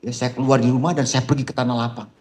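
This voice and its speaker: A man preaching at a seminar in a lively, animated style, calling out to the crowd and shouting some punchlines. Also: medium pitch, fast. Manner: addresses the crowd as "Saudara", calls out "haleluya". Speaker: pastor. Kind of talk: seminar sermon.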